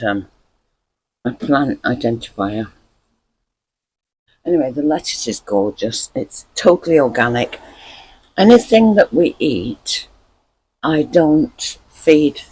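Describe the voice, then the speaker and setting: A man's voice: mid-range voice, darkish tone, husky, low-quality recording. A man chatting casually as a gardening vlogger, rambling and repeating words for emphasis.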